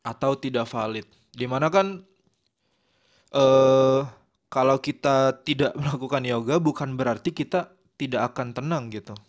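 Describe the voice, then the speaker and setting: A man explains a logic lesson at an easy pace. His talk is conversational and loose, with plenty of fillers and little tag words thrown in. His voice sits in an ordinary middle pitch. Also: normal speed, pauses often. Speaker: teacher.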